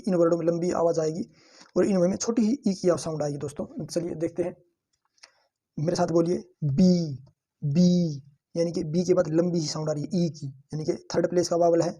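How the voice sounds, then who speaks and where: A man teaching a shorthand lesson, saying each word slowly and several times so students can repeat after him, and calling his viewers friends. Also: on the high side, steady tone, dark tone, breathy edge. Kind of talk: lesson with drilled repetition.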